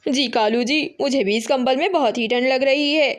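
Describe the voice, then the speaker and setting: A woman's voice: high voice, moderate pace, natural voice. A woman voicing a fussy, indignant female crow talking to her husband.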